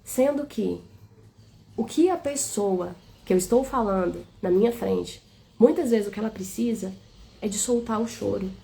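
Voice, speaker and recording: A woman's voice: medium pitch, moderate pace, creaky, warm tone. A woman with a Brazilian Portuguese accent giving a tender, flowing spiritual talk on a live stream, often asking "né?".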